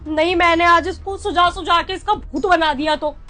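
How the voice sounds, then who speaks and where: A woman acting as a young wife in a family skit, accusing her husband loudly and emotionally. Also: extremely high pitch, steady tone, normal speed, soft background music. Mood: furious.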